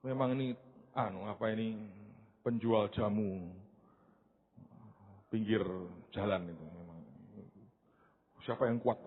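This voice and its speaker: A male pastor preaching a sermon, telling the story dramatically, swinging from hushed asides to shouts and calling the congregation "saudara". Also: on the low side, steady tone, unhurried, pauses often, slightly rough. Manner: colloquial, addresses the congregation as "saudara". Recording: phone-like lo-fi audio in a reverberant hall.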